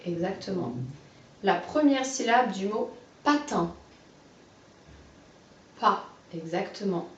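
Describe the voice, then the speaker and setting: A woman with a medium-pitched voice teaches a young child phonics, stressing each syllable slowly and clearly and encouraging the child. She sounds far from the mic in a roomy space, and the home video is dull and muffled.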